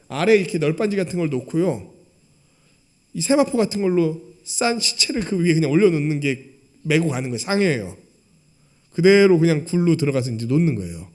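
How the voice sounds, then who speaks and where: A male pastor preaching a sermon in a chatty way, often putting questions to the congregation and acting out quoted lines. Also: on the high side. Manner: conversational, asks the congregation questions; acts out quoted lines, dropping to a hush.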